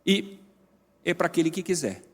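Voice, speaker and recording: A man with a Brazilian Portuguese accent preaches to his congregation, earnest and direct, often turning his points into questions for them. His voice sits somewhat high for a man. It rings out with the long reverb of a large church sanctuary. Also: expressive, brisk, breathy edge. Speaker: pastor. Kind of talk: sermon.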